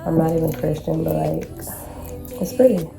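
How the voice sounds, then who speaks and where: Low-voiced woman, rambling haul vlogger. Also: fairly even intonation, normal speed, vocal fry, music in the background, low-quality recording. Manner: rambling, informal, slangy. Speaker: vlogger showing a shopping haul. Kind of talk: casual chatty haul vlog.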